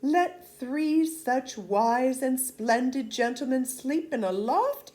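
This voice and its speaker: Gullible, grateful storybook villagers, done by a woman reader: earnest exclamations, raised pitch, very animated. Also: slow. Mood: awed, emphatic. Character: awed, gullible peasant villagers full of gratitude. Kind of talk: children's storybook read-aloud.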